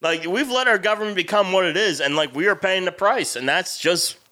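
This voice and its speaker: Podcast guy, highish bright voice, stop-start, repeats himself, blunt and sweary. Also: fairly quick. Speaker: podcast co-host. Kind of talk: casual chat.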